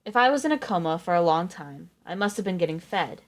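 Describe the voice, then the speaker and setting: A woman's voice: fairly low pitch, expressive, fast. A woman reading a novel aloud in first person, expressively acting out the narrator's thoughts.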